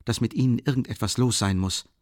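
A man reading a sharp, irritable young man. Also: mid-range voice, brisk, no room sound, studio quality, lightly acted. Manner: curt, sharp questions. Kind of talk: audiobook character reading.

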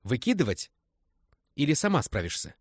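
A man reading aloud and voicing a calm, philosophical young man in a measured way. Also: mid-range voice, breathy edge, no echo, studio quality, pitched above the performer's own voice, exaggerated voice. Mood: dry.

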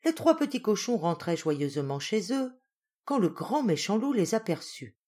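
Woman, audiobook narrator, fairy tale, expressive, lively pitch. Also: normal speed. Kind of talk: storybook reading.

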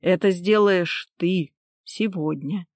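A woman's voice: fairly low pitch, slow pace, a little mellow, no room sound, studio quality. Stern commanding husband, read by a woman. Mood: stern cold. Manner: clipped, sarcastic, commanding.

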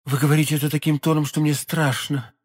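A man voicing a hushed, anxious young woman. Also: on the high side, level tone, fast talker, close to an everyday voice. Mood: fearful. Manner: hushed, pleading, often whispered. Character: anxious devoted young woman, tender and fearful. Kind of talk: audiobook character voicing.

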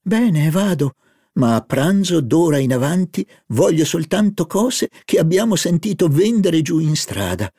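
A man's voice: a little high, big pitch swings, measured pace, mellow, husky, no room sound, clean studio sound, voice pushed up, exaggerated voice. A man voicing a playful young woman in an audiobook, eager and coaxing as she chatters. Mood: delighted. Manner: bubbly, coaxing. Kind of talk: audiobook character voice.

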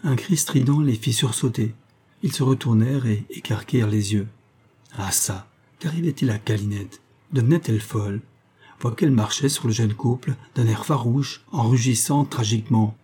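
A man reading a novel aloud in an even, measured storytelling manner. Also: mid-range voice, husky. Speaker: audiobook reader.

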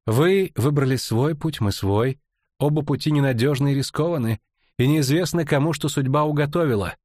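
A man reading an audiobook, voicing a calm, soft-spoken male elf. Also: a little high, moderate pace, no echo, clean studio sound, pitched above the performer's own voice, natural voice.

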